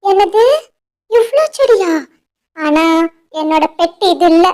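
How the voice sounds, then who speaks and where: A woman voicing an excitable young female bird in a cartoon, fussy and wailing over her pet plant. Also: extremely high pitch, takes it slowly, exaggerated voice, rough recording. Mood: sulky. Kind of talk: cartoon voice acting.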